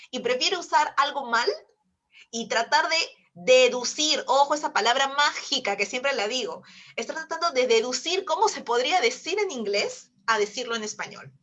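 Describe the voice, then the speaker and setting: A woman's voice: sits high, expressive, normal speed, a bit bright. A woman with a Peruvian Spanish accent giving a teacher-training webinar over a video call, explaining step by step and often checking in with her listeners. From Peru. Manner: explanatory, with frequent tag questions.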